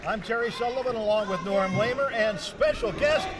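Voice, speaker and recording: High-pitched male wrestling commentator over crowd. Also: moderate pace, heavy background noise. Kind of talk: excited live commentary. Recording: loud crowd all around.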